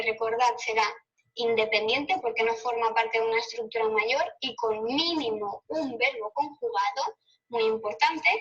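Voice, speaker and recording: A woman with a Spain Spanish accent teaching a grammar lesson, explaining clearly and asking rhetorical questions. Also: a little high, pushed and bright, recorded from a distance, muffled recording.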